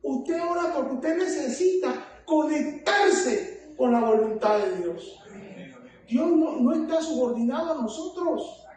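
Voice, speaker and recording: A woman's voice: sits high, expressive, takes it slowly, darkish tone. A woman preacher delivering a fervent sermon who keeps calling her listeners "hermano". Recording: echoey hall, distant mic, faint noise.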